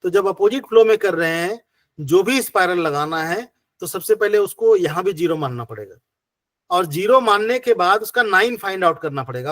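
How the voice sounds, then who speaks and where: Male teacher, Hindi accent, high-ish voice, patient step-by-step explainer, dry close sound. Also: a bit bright, no room sound. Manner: patient, step-by-step, repeating rhetorical questions. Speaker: acupressure teacher. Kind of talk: online class explanation.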